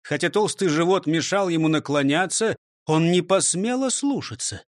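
An animated narrator reads a children's story aloud with plenty of rise and fall in the voice. The delivery is expressive and steady. The recording is dry and close with no room sound. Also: mid-range voice, normal speed, no room sound. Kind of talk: audiobook reading of a children's story.

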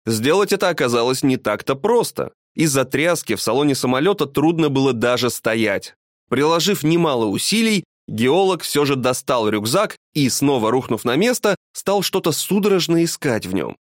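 A man narrating a storybook with an expressive, dramatic reading. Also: medium pitch, moderate pace, no room sound, clean studio sound.

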